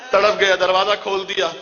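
High, bright-voiced impassioned preacher. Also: male voice. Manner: impassioned, emotional storyteller voice. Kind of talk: mourning sermon with storytelling. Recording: echoey hall, dull lo-fi sound.

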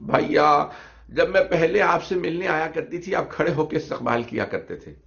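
A man voicing a grieving noble woman who wails for her brother in a high, sobbing voice, in a dull lo-fi recording. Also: huge pitch swings, very slow, gravelly, heavily acted. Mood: wailing grief.

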